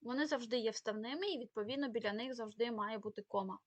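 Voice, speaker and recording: A woman's voice: a little high, fast, no echo. A woman teaching a spoken grammar lesson, explaining rules with many fillers and self-corrections. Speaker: Ukrainian language teacher.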